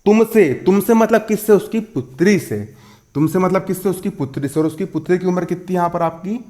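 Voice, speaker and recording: With a warm, fairly high voice and a fairly quick pace, a maths teacher in his twenties leads a school lesson. He goes through each step, repeats the important phrases, asks and answers his own questions, and checks that pupils are with him.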